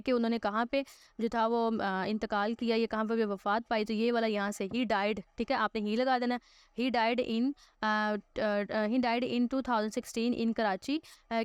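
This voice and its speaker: A woman's voice: fairly high pitch, smooth, no echo. A woman teaching an English exercise, explaining each answer patiently and repeating points in two languages. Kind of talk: exercise walkthrough lesson.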